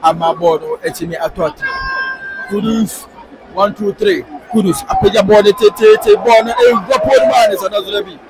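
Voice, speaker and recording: A man with a Ghanaian accent giving live football commentary, excitable and sing-song, rising into shouts on attacks. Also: sits high, normal speed, loud music behind the voice, over a noisy crowd, poor audio. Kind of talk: live match commentary mixing English and Twi.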